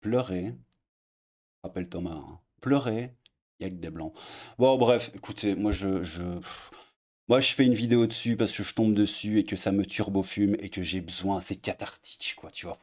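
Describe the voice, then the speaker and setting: A man giving casual online commentary as he reads posts aloud, sarcastic, often trailing off into low mutters. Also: moderate pace, darkish tone.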